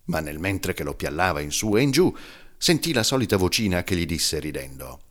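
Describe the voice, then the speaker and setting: A man reads a children's storybook aloud in an expressive narrating manner. His voice is very low yet swings widely in pitch to carry the tale. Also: a little fast. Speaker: audiobook narrator. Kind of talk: scripted narration.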